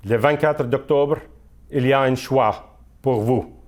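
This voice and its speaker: Guy doing a campaign pitch, super slow, lots of hesitating, mid-range voice. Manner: halting, hesitant, repeats phrases. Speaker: mayoral candidate. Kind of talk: campaign message.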